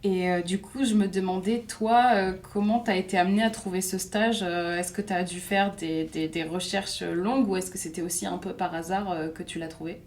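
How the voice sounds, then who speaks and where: A young woman hosting a podcast, talking softly and hesitantly with many pauses and fillers. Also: lowish voice, fairly even intonation. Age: young adult. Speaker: podcast host. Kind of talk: scripted intro then casual chat.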